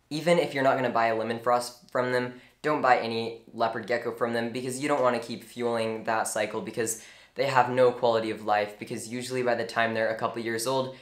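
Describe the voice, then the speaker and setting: A young man giving an informal, earnest tutorial on reptile care, with strong opinions and lively emphasis. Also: medium pitch. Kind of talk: informal instructional talk. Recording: echoey room.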